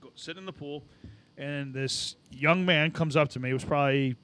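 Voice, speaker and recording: A man telling stories in a casual podcast chat, animated and swearing often, acting out what other people said. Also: fairly high pitch, normal speed, smooth. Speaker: podcast co-host.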